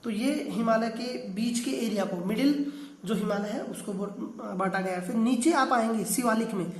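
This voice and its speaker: A man's voice: high voice, moderate pace, roomy sound. A man teaching a geography class, explaining step by step, often asking a question and then answering it himself. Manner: explanatory, repeats key terms.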